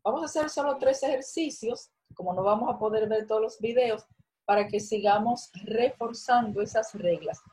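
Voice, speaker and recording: Woman teacher on a video call, warm mellow tone, explains stuff patiently and corrects homework. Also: on the high side, normal speed, poor audio. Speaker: university teacher. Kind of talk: online class.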